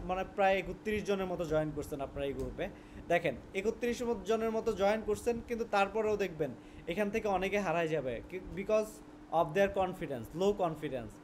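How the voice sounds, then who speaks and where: A man's voice: high voice, slight background noise. A young Bangladeshi man with a Bangladeshi Bengali accent, teaching a casual spoken lesson and mixing English words into his Bengali, often restarting his words.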